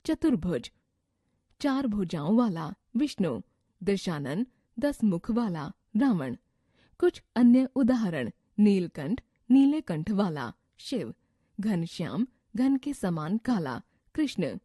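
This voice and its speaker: A woman reading a scripted grammar lesson from a textbook, slowly listing word examples one by one. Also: mid-range voice, very animated, mellow, slightly rough, no echo, studio quality. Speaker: textbook narrator.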